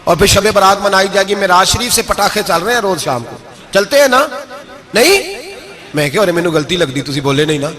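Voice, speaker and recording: High-voiced man preaching. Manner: animated, quizzing the audience with rhetorical questions. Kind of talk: sermon.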